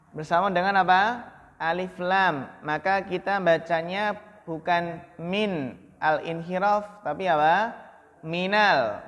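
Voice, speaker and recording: A man with an Indonesian accent teaching Arabic grammar to a class. He draws out Arabic phrases slowly, then fires quick questions at students by name. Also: a little high, fairly bright tone, in a large hall, lo-fi sound. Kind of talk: classroom lesson, calling on students.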